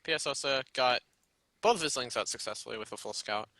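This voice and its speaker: A man casting a live video game match in a casual, rambling way, often laughing and getting excited. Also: mid-range voice, fairly quick, no echo. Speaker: game caster.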